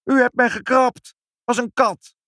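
A man's voice: medium pitch, sing-song, moderate pace, no echo, clean studio sound, voice pushed up. Een man die een verwaande, zeurderige stadsopzichter speelt in een voorgelezen kinderverhaal. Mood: whining. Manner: pompous, whiny and indignant. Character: fussy pompous male city official.

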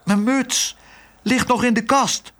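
A man's voice: extremely high pitch, steady tone, fairly bright tone, pitched above the performer's own voice, exaggerated voice. Tos, a man doing a flustered dad. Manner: hurried and flustered. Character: flustered, scatterbrained father.

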